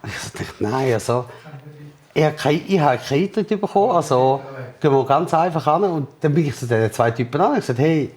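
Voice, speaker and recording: A man's voice: fairly high pitch, quick pace. A man with a Swiss German accent, an entrepreneur in an interview, telling a story with energy and acting out the dialogue. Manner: lively, acts out the other people's lines in quoted dialogue.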